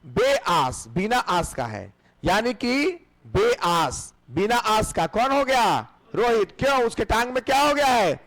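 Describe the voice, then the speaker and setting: A man's voice: high voice, big pitch swings, unhurried, a bit bright. A man teaching an exam-prep class. He keeps asking the class questions and then answers them himself. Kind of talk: classroom lecture with memory tricks.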